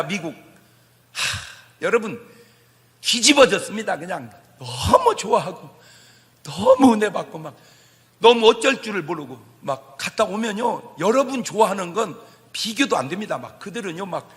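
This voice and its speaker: A middle-aged male pastor preaching a sermon, swinging between loud shouts and soft asides and chuckling as he tells stories. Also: sits high, big-room sound.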